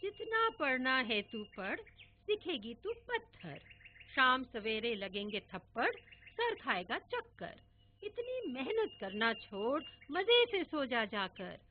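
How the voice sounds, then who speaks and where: Fields: Figure: playful old grandfather voiced by a woman. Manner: singsong rhyming teasing, slow and swooping. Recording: tinny and phone-like, faint hiss. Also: sits high, exaggerated voice. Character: teasing old grandfather who rhymes jokes.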